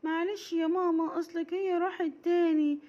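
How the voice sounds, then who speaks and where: A woman's voice: very high voice, little pitch movement, fairly quick, lo-fi sound, very noisy, voice pushed up. A woman voicing a small, impatient little girl who fibs and pleads, with an Egyptian accent. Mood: fibbing, pleading. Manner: pleading, whining, repeating calls.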